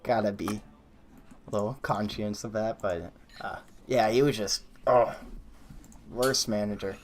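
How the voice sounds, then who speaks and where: A man's voice: lowish voice, steady tone, normal speed, slight background noise. A man streaming live, chatting casually and telling a long story with many fillers and restarts while he types. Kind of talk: casual chat while building a coaster in a game.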